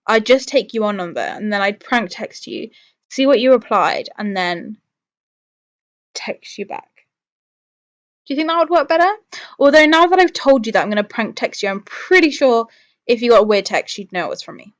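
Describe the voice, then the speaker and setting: A woman with a fairly high voice chats casually as a live stream host. She rambles and thinks aloud, second-guessing herself as she talks to her viewers. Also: expressive, moderate pace. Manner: rambling, thinking aloud, changes own mind.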